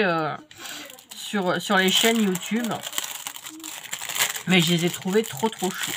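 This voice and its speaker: A crafts vlogger with a French accent and a cold-stuffed nose chats casually while unboxing craft kits, full of fillers and restarts. Her voice is a little high and fairly bright, with a faint hiss or hum in the background.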